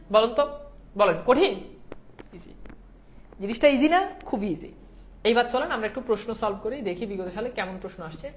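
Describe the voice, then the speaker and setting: A woman teaching a recorded grammar lecture, speaking, who repeats key answers and keeps asking students whether they follow. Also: a little high. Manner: repeats key answers, asks the class if it is clear.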